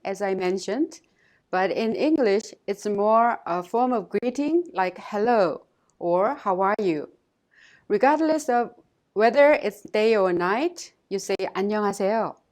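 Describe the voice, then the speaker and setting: A woman teacher giving a scripted language lesson in a measured, instructive way, pausing to model phrases for listeners to repeat. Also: medium pitch, darkish tone.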